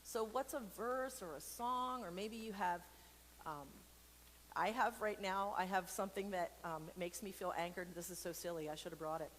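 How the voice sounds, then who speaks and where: Reading a picture book to children in an online church service, an adult woman keeps things chatty and playful, with exaggerated comic asides and questions aimed right at viewers. Her mid-range voice is a bit bright at normal speed, recorded with long hall reverb and background noise.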